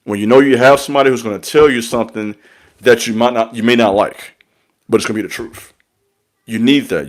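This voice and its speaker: A young man giving an earnest, repetitive motivational talk on spiritual growth, speaking like a preacher to his followers. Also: mid-range voice. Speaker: online spiritual mentor.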